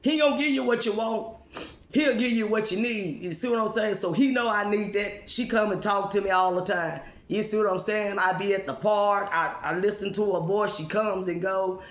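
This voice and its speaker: A woman's voice: medium pitch, moderate pace. A woman giving an informal motivational testimony, speaking emphatically and repeating herself with rhetorical questions. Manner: emphatic, repetitive, with rhetorical questions and check-ins. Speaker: spiritual speaker addressing followers. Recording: echoey room.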